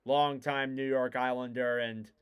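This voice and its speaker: A man giving casual live play-by-play commentary on a hockey game, getting louder and keener on the big plays. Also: mid-range voice, level tone, a little slow, clean tone.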